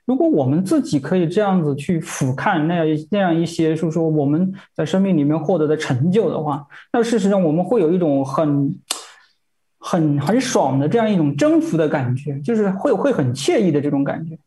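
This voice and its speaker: A man's voice: a little high, expressive, brisk, dark tone. A man interpreting a sermon phrase by phrase, hesitant, with many fillers and repeated words.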